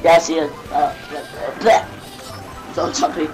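A man's voice: fairly high pitch, fairly even intonation, over music, rough recording. A young man chatting casually and joking while playing a racing game with his cousin. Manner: joking, rambling, quick laughs. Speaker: gamer recording a video. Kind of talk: casual gameplay chat.

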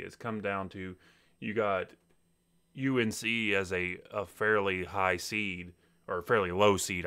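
A man's voice: lowish voice, sharp tone, clear, resonant tone. A man co-hosting a casual sports podcast, laid-back with frequent fillers and easy laughs. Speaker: podcast co-host.

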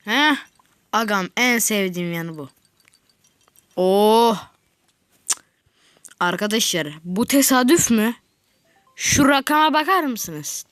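A woman giving casual let's play commentary on a mobile game, chatting with viewers and scolding the game in slangy outbursts between quiet mutters. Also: lowish voice. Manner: chats with viewers, drifts into mutters and whispers. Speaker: gaming video creator.

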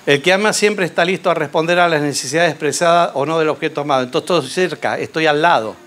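A man preaching a sermon, telling a Bible story with rhetorical questions and lively storytelling. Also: fairly high pitch, quick pace.

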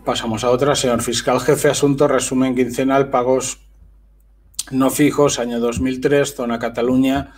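A man, reading handwritten documents aloud in a flat, list-like way, with short comments in between. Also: mid-range voice, moderate pace. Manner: list-like reading with brief asides. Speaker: channel host. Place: voice-over on a screen recording.

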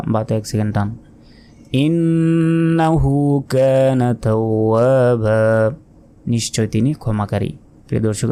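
A man teaching Quran recitation, spelling out each letter and vowel mark before sounding the word slowly. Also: lowish voice, dark tone, clear, resonant tone. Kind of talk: slow letter-by-letter recitation lesson.

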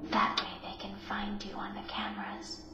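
An actress in a whispered role-play as a calm female animatronic in a horror game, giving soft instructions. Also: mid-range voice, moderate pace, highs cut off, natural voice. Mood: calm, eerie. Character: soft-spoken female animatronic guiding a trapped victim. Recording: echoey, very noisy game playback.

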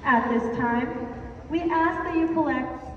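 Woman, venue announcer on a public address loudspeaker. Formal and polite. Fairly high voice, dull lo-fi sound, outdoor noise clearly audible. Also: unhurried. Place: outdoor amphitheater. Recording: echoey, dull loudspeaker from far off.

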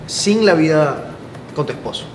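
A man's voice: fairly high pitch, animated, moderate pace, reverberant, long reverb tail, noisy background. A man hosting a casual interview with a playful, chatty manner, asking questions in a studio. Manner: chatty, playful, gives many short backchannels. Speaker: interviewer and channel host. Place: studio with dark curtain backdrop.

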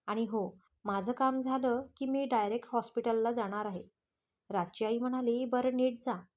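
Woman narrating a romantic story, slightly high. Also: moderate pace, darkish tone. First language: Marathi. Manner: reads all characters' lines in her own voice.

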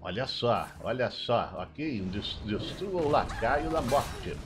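Excitable Brazilian man calling a card game. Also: medium pitch, slow pace, music in the background. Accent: Brazilian Portuguese. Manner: excitable, bursts into shouted celebrations. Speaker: gameplay streamer. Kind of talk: live card-game commentary.

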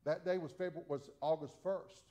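A slightly high, dark-toned voice belongs to a forties-aged pastor giving a brisk Bible study from a small church pulpit with fairly even intonation. Folksy and repetitive, he stammers through restarts and keeps saying "amen."

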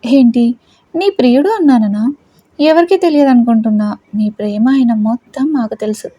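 A woman's voice: on the high side, moderate pace, dark tone, no echo, close to an everyday voice. A woman voicing a cruel, scheming mother-in-law who taunts and gloats. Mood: gloating. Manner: taunting, contemptuous.

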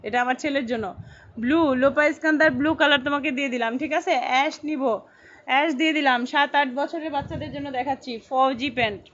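A woman's voice: high voice, steady tone, fast, fairly bright tone. A woman, selling clothes on a live stream, chatting and reading out buyer names. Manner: chatty, repeats sizes, reads out buyer names. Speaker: online clothing seller. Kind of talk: live-stream sales chat. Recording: dull lo-fi live stream with faint noise.

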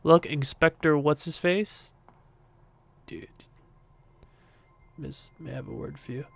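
A man's voice: on the high side, slow pace, gravelly, a bit bright, dry recording. A man hosting a horror game playthrough in jumpy, self-mocking, swearing chatter. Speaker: gaming video host. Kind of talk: casual horror game let's play. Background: faint game music.

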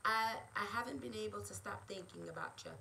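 A woman reading the lines of a smooth, teasing, charming Irish man in a romance story. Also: medium pitch, brisk, pushed and bright, slight background noise, rough recording. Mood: tender.

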